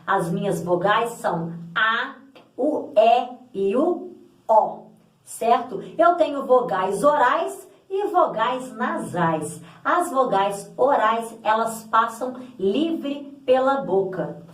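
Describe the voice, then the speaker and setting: A woman teaching a grammar lesson, explaining patiently and repeating example words aloud to stress them. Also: a little high. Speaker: Portuguese language teacher. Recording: echoey room, voice from a distance.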